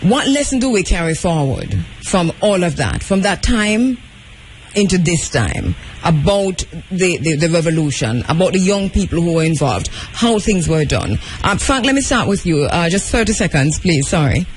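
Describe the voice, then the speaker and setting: A man's voice: sits high, very animated, normal speed, slight background noise, low-quality recording. A man with a Jamaican accent hosting a live radio discussion programme. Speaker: radio host. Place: radio studio.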